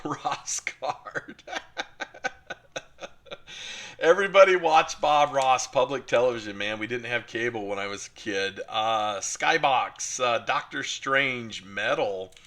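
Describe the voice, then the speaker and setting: Excited man opening fan mail. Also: mid-range voice. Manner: enthusiastic, nostalgic, many fillers. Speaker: card collecting channel host. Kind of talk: casual unboxing chat.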